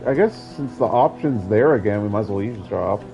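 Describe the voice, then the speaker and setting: A man's voice: lowish voice, expressive, brisk, vocal fry, mellow. A man giving casual commentary as he plays through a video game. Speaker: gaming commentator. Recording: muffled lo-fi sound, faint game music. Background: game audio with music.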